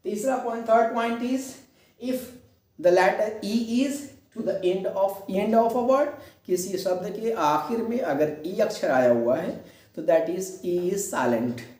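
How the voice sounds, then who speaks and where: A man's voice: a little high, warm tone. A man teaching a lesson, explaining rules step by step and repeating key points, with an Indian English accent. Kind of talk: classroom lesson. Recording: echoey room, distant mic.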